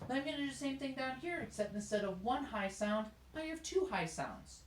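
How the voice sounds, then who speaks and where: A woman's voice: sits high, lively intonation, a little fast, a little hiss or hum. A woman teaching a children's music lesson, explaining each step in an encouraging way and singing short demonstrations. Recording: echoey room.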